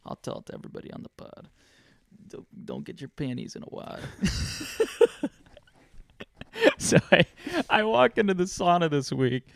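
A man co-hosting a podcast, telling a funny story in a casual, animated way with lots of laughter. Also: mid-range voice, gravelly, smooth, no room sound. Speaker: podcast co-host.

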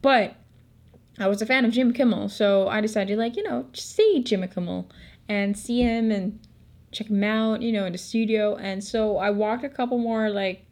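A woman's voice: medium pitch, a little mellow. Brief: woman, 20s, Filipino accent, candid and profane storytelling vlogger. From Philippines. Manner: swears a lot, chatty and candid. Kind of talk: casual storytelling.

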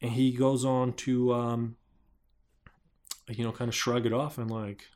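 A man's voice: medium pitch, little pitch movement, unhurried, a little mellow. Rambling man in casual podcast chat. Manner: rambling, hesitant, lots of fillers and restarts. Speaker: podcast co-host.

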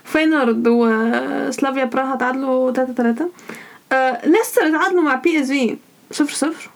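Female podcast co-host, Egyptian Arabic accent with English phrases mixed in, high voice, rattling through casual sports banter. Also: fast, creaky.

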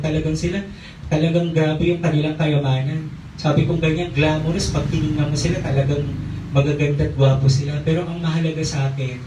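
A man's voice: fairly high pitch, dark tone, slight background noise. A man preaching a sermon in church on a handheld mic, peppering his talk with hallelujahs and amens. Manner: call-and-response, frequent hallelujahs and amens. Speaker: pastor. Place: church hall. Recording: echoey church recorded from far off.

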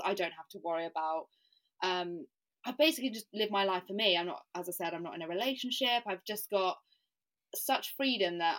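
A woman's voice: medium pitch, a bit bright. A woman from England, chatting as a podcast guest with plenty of "like" and self-deprecating laughs. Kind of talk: casual podcast conversation.

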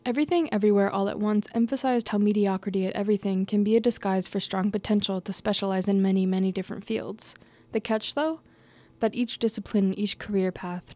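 A woman's voice: medium pitch, steady tone, fairly quick, hardly any pauses, warm tone, dry recording. A young woman reading her own essay aloud, casual and self-correcting, laughing off her own slips and restarting lines. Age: young adult.

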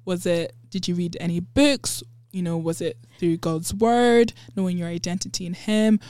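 A woman's voice: lowish voice, normal speed, mellow, no room sound. A woman hosting a casual studio interview, asking questions and encouraging her guest with frequent affirming murmurs. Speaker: podcast host.

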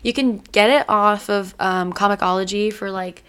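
A woman's voice: medium pitch, fairly even intonation, normal speed, a bit bright, smooth. A woman co-hosting a casual chat, rambling through a comic's plot and acting out the characters' lines as she goes. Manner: rambling retelling, acting out quotes. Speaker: podcast co-host.

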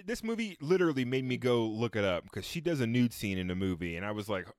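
A man's voice: mid-range voice, very animated, fast, dry recording, clean studio sound. A man co-hosting a casual movie podcast, trading crude jokes and blunt verdicts. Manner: crude, laughing banter. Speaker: podcast co-host. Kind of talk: casual movie review chat.

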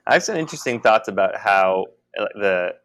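A man co-hosting a podcast, talking in a halting, musing way with many restarts. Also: lowish voice, animated, creaky, fairly bright tone. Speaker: podcast co-host. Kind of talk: casual spiritual conversation.

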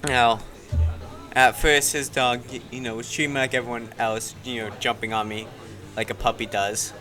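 A young man co-hosting a podcast, trading dry, quick comebacks in casual banter. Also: mid-range voice, level tone, over music. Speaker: podcast co-host.

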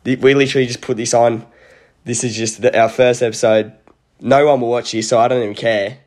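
A young Australian man chats as a podcast host in a blokey, laid-back way. His voice sits at a medium pitch and his talk is slangy, casual banter. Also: steady tone, fairly quick, darkish tone. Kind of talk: casual chat. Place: at home, phone on a table. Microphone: phone lying on table.

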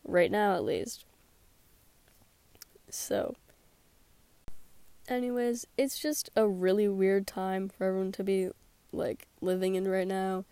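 Speaking slowly and pausing often, this teen podcast host has a mid-range, flat, mellow voice with a clean tone and no room sound. She chats alone from a small closet despite a sore throat, rambling sarcastically and laughing a lot.

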